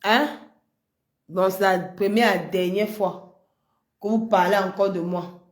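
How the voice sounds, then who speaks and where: A woman from Cameroon, delivering a heated, confrontational livestream rant that swings between loud outbursts and low mutters. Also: steady tone, a little slow. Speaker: social media personality.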